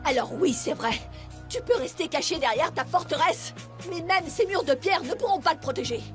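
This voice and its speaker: A bitter, vengeful daughter. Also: female voice, very high-pitched, lively intonation, normal speed, soft background music. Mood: furious. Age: 40s. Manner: intense, accusatory, dramatic. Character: bitter vengeful middle-aged woman, furious at her mother. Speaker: dub actress. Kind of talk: French dub of a TV drama.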